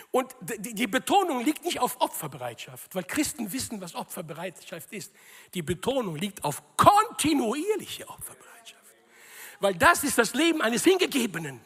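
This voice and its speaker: A male preacher with a high, husky voice delivers a sermon in a slow, drawn-out way. He swings from loud calls to hushed, prayerful murmurs and asks the congregation to repeat after him. His voice carries a long reverb from a church hall.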